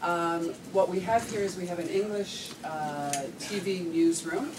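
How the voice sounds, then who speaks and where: A woman's voice: fairly low pitch, a little slow, recorded from a distance. A woman managing editor giving visitors an informal explanatory talk in a newsroom. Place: working newsroom. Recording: noisy room, off-mic pickup.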